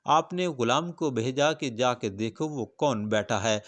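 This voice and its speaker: A man retelling a religious story as a sermon, with dramatic exclamations and rising fervor. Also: mid-range voice.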